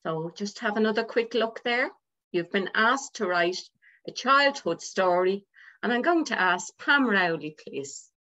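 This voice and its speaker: A woman with a bright, tense voice moderates a speaking club meeting, briskly thanking speakers and calling on the next one. Her voice comes over a video call, and the audio sounds muffled and lo-fi. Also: mid-range voice, expressive. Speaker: topic master at a speaking club.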